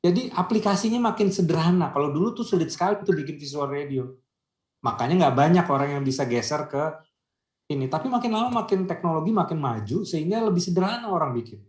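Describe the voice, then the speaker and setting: A man's voice: fairly high pitch, lively intonation, fast talker, a little mellow. Chatty man explaining in a roomy call. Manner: chatty, explains with anecdotes and rhetorical questions. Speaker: radio industry guest speaker. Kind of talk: casual conversational discussion. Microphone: video call.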